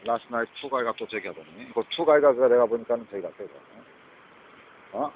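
A man's voice: medium pitch, moderate pace. A man talking to his viewers in a rambling monologue, mixing English words in and often tossing out a questioning "eh?". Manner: rambling, mixes English words into Korean, keeps asking "eh?". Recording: tinny phone-like audio with faint noise.

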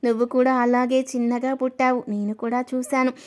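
A woman reading the part of a gentle, patient young husband in a spoken story, speaking softly and reassuringly. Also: on the high side, level tone, brisk, lightly acted.

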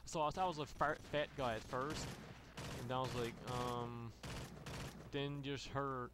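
A man's voice: medium pitch, steady tone, measured pace, very noisy. A man telling a long story in a loose, profane, rambling way, with lots of restarts and fillers. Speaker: gaming channel host. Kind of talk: rambling storytelling over gameplay. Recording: gunfire from game audio behind. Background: video game gunfire.

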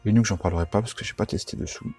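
A man's voice: on the low side, racing, warm tone, slightly rough, faint music behind. A man giving a casual, informal how-to tutorial, chatty and full of fillers and self-corrections. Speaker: radio tutorial maker.

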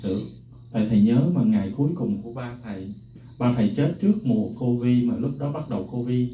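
A man's voice: mid-range voice, brisk, dark tone. A middle-aged man, earnestly telling personal stories and addressing his viewers directly. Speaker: music teacher sharing personal stories. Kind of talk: emotional personal talk to viewers. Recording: roomy echo, distant mic, faint noise.

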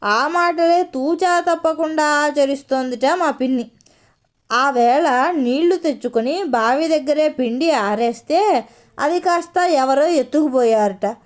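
A woman narrating a humorous story in an unhurried, conversational way. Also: high-pitched.

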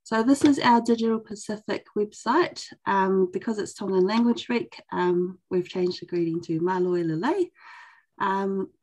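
A woman's voice: medium pitch, measured pace, darkish tone, poor audio. A young woman casually presenting as host of an online session. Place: indoors on a video call.

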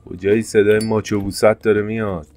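A man commentating his gameplay casually, excitable, jumping to sudden high-pitched yelps. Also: faint music behind. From Iran. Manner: excitable, jumps to high-pitched yelps when fires start. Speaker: gameplay streamer. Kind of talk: casual let's-play commentary.

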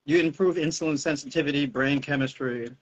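A middle-aged American man who works as a fitness coach gives informal explanations during a relaxed Q&A on a video call at home. His voice is on the high side and a little fast, picked up by wired earphones that make it sound muffled and dull.

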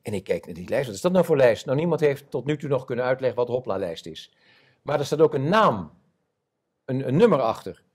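A man in his seventies, an eyewitness telling his war memories in an interview before an audience, animated and acting out the voices of others. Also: medium pitch, brisk, slightly rough. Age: 70s. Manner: animated storyteller, acts out quoted voices. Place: stage before a live audience.

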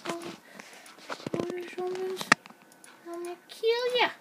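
With a very high voice and a slow pace, a young woman rambles casually through her game as a gameplay video host. The camera filming her screen captures a little hiss or hum.

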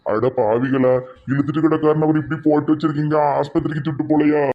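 A man voicing an older father-in-law in an animated comedy, with a Tirunelveli Tamil accent, plain and matter-of-fact. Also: a little high, fast talker, natural voice. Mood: puzzled. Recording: dull lo-fi recording.

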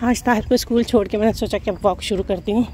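A woman, a mother and family vlogger, chatting casually to camera and talking firmly but gently to her kids. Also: medium pitch, steady tone, quick pace. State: tired from walking. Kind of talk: casual vlog chat. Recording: noisy background.

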